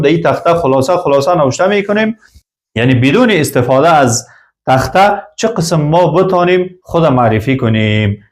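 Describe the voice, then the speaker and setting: A male teacher, his voice sitting a little high and swinging up and down a lot as he talks. He goes slowly and says each new word twice over, walking beginners through a classroom lesson. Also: a little mellow. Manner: slow and repetitive, saying each word twice. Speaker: Arabic teacher. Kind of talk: classroom lesson explaining vocabulary.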